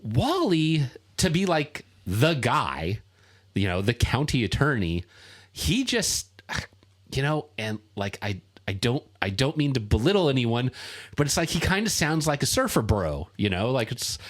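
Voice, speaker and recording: A man co-hosting a casual podcast chat, talking haltingly with many fillers and restarts. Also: mid-range voice, big pitch swings. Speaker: podcast co-host.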